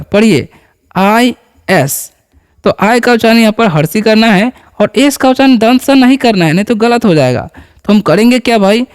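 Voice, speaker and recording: A man teaching a beginner English lesson, patiently repeating each word and quizzing the viewer. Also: high voice. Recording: long hall reverb.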